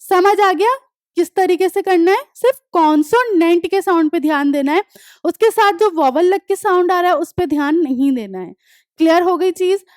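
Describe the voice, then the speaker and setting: High-voiced woman teaching an English class. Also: lively intonation, a little mellow, dry recording, studio quality. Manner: explains step by step, often checking understanding; reads English examples slowly and deliberately. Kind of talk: online class lecture.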